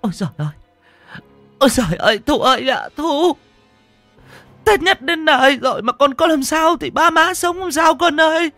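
A man's voice: sing-song, unhurried, long pauses, dry recording, faint music behind. A man voicing a frantic old village wife. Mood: wailing. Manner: high, wailing cries.

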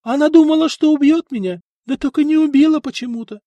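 A worn old peasant widow who mumbles and begs through her sobs, as a man acts her out in a storybook reading. She speaks high and strained in a close, dry sound. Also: animated, normal speed, a little mellow, no room sound, muffled recording. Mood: sobbing, pleading. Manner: mumbling, pleading, sobbing. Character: old widowed peasant woman, frightened then tearful.

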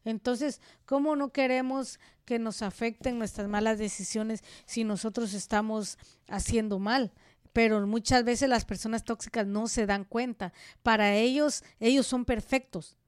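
A woman from Central America with a Central American Spanish accent, co-hosting a casual radio chat and telling stories in an outspoken, animated way. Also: on the high side, a little slow, clear, resonant tone. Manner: outspoken, animated storytelling with asides. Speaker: radio co-host. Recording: studio radio microphone.

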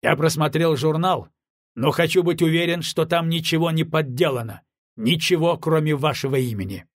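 A man's voice: fairly high pitch, normal speed, no echo, clean studio sound, natural voice. A man voicing a stern, cold officer who barks curt orders.

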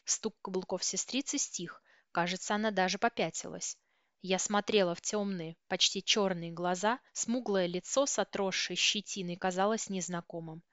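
A woman reading a first-person novel aloud with steady, tense storytelling. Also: medium pitch, moderate pace, no room sound, muffled recording. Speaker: audiobook reader.

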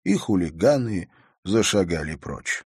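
A man narrating an audiobook with expressive storytelling. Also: deep voice, unhurried, slightly rough, dry recording, studio quality. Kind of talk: scripted narration.

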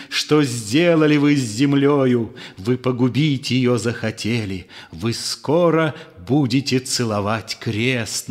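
A man's voice: mid-range voice, close to an everyday voice. A man voicing a bitter, scornful disciple who accuses with fierce passion, in a storybook reading. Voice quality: fervent, accusing, sharply mocking. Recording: long room reverb.

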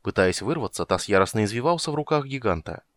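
Man, audiobook narrator, low voice, lively pitch, expressive, dry close sound. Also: fast, no echo. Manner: expressive storytelling. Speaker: audiobook reader. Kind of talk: scripted narration.

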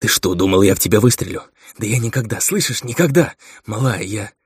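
A man's voice: deep voice, a little fast, slightly rough, dry recording, clean studio sound. A man voicing a loyal, impulsive young soldier who speaks urgently in an audiobook.

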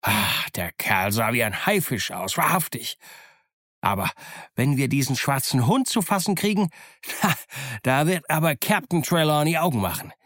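Long John Silver, a gruff sea cook, voiced by a man. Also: animated, normal speed, a bit bright, no room sound, clean studio sound, close to an everyday voice. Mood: excited. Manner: gruff, booming, hot-tempered outbursts. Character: cunning blustering one-legged old sea cook. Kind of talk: audiobook character voice.

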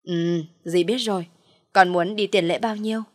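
A woman voicing a caring, shrewd aunt who asks calm, probing questions. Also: lowish voice, normal speed, dry recording, studio quality, lightly acted.

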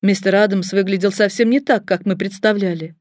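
A woman reading a children's story aloud with a lively, expressive delivery. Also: mid-range voice, brisk, no room sound, clean studio sound. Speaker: audiobook reader.

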